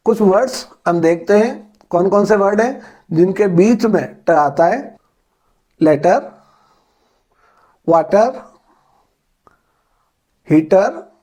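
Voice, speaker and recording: Casting: male English teacher, Hindi native, high and mellow voice, patient explainer. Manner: slow, careful, explaining step by step. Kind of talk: spoken-English lesson.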